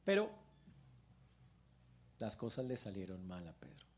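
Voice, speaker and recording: A man preaching a sermon as pastor in church, retelling a story with lively exclamations. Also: on the low side, unhurried.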